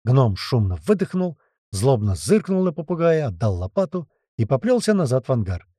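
A man reading an adventure story aloud as a narrator, in a lively storytelling manner. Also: medium pitch, moderate pace, no echo, clean studio sound. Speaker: audiobook narrator. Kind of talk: scripted narration.

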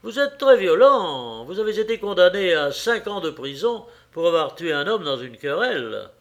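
A man doing a slow, probing magistrate. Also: high-pitched, sing-song, pitched above the performer's own voice. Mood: pressing. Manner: slow, deliberate questioning. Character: cold, probing examining magistrate, middle-aged man.

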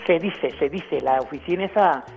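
A woman's voice: deep voice, moderate pace, a little mellow, faint music behind. Faint woman caller, phone held away. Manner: stumbling, opinionated and indignant. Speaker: radio call-in caller. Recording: dull, faint phone line.

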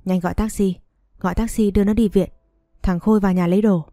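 A woman's voice: mid-range voice, steady tone, fast talker, warm tone, dry recording, clean studio sound, faint music behind, close to an everyday voice. Woman reading as a fierce older mother-in-law. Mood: furious, commanding. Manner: commanding, harsh.

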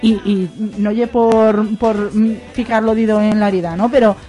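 A woman's voice: medium pitch, fairly even intonation, moderate pace, mellow, soft background music. A woman with an Aragonese accent, talking on a radio panel in a rambling, emphatic way. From Aragón. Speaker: radio show guest. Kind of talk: casual roundtable chat.

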